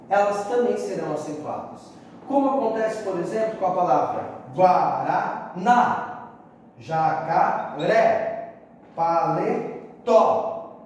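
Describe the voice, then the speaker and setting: A man with a high, light voice teaches a casual phone-recorded lesson, friendly and chatty. The sound rings around a bare, hall-like room, and he stands a little away from the phone. A faint hum of room noise sits underneath. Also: a little mellow. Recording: echoey hall-like room, phone held off at a distance.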